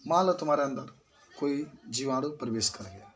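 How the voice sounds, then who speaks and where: A man's voice: medium pitch, expressive, normal speed, a bit bright, a little hiss or hum. A male biology teacher gives a colloquial classroom lecture. He keeps asking his students questions and then answering them himself. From eastern Uttar Pradesh, India.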